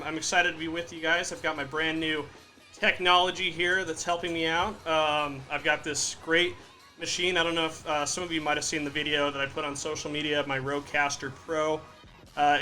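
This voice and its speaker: A man's voice: on the high side, sharp tone. A young man hosting his own podcast from home, chatting casually and rambling with lots of fillers and restarts, with a faint fan hum behind him. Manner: rambling, self-deprecating, many fillers and restarts. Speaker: podcast host. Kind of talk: casual solo livestream podcast. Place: home room in Florida with a fan running. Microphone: podcast studio microphone.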